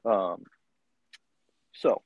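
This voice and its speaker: A man's voice: very slow, dry recording, dull audio. A man hosting a casual interview, talking in long, rambling turns and checking in with the guest as he goes. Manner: rambling, keeps checking in with "right?". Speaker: podcast host.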